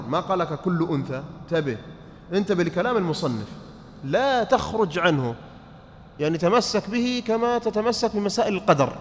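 A man teaching a mosque lesson on inheritance law, quizzing his students, repeating points and checking that they follow. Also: high voice. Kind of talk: mosque study-circle lesson. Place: large mosque hall. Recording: reverberant mosque hall, faint noise.

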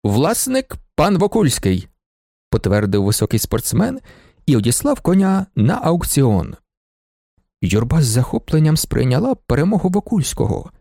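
A man reading a classic novel aloud as an audiobook narrator, in an animated, expressive manner. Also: mid-range voice, moderate pace, creaky, no room sound, studio quality. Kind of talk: scripted literary narration.

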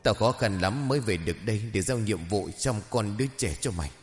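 Narrator playing a low, quiet male ghost, somber storybook voice. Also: animated, fairly quick, big-room sound, faint music behind, natural voice. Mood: grim. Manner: low, subdued. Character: ghost of a dead man, grim and low.

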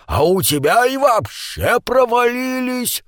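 A man's voice: very high-pitched, big pitch swings, takes it slowly, a bit bright, dry recording, clean studio sound, voice pushed up, heavily acted. A man voicing a sly, teasing old uncle who drawls his remarks. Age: older.

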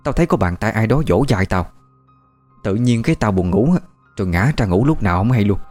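A man voicing a scolding older countrywoman who runs a shop, talking rapidly and exclaiming. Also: fairly low pitch, animated, a little mellow, faint music behind.

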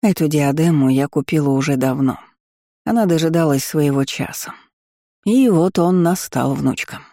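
Loving old grandma as a man reads her, gentle, slow, mellow, dry audiobook voice. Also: a little high, no echo, natural voice. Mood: tender.

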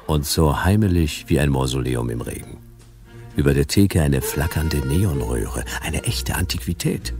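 An actor narrating as a world-weary detective in a wry, hardboiled first-person style for a radio drama. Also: male voice, rumbling low, heavily acted.

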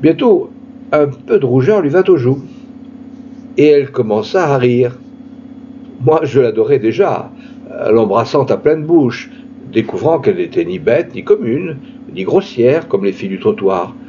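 A man reading a classic story aloud in an expressive literary style, with dramatic emphasis. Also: unhurried, dull audio, slight background noise. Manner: dramatic, shifting pitch for emphasis.

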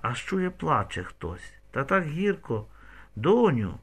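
A man's voice: medium pitch, animated, normal speed, a bit bright. A man narrating a novel as an audiobook, telling the story expressively with vivid shifts in tone.

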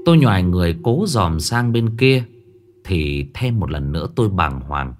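Deep-voiced man telling a horror story. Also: big pitch swings, moderate pace. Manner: dramatic, tense storytelling. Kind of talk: scripted first-person horror narration. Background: faint music.

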